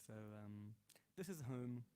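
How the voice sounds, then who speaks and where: At home on a live guitar stream, a man talks loosely with his viewers, thanking them and reading their comments aloud while rambling through fillers and false starts. His lowish voice is clean, mellow, and expressive, and he speaks slowly.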